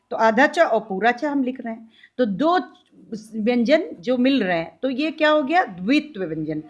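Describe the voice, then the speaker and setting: A woman with an Indian accent, a school teacher giving a recorded lesson to young pupils, patiently repeating and sounding out examples and answering her own questions. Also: on the high side.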